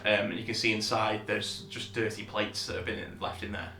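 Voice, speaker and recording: A man narrating as dungeon master, relaxed and hesitant with many fillers. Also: fairly low pitch, normal speed, reverberant, background noise. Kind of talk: narrating a tabletop game.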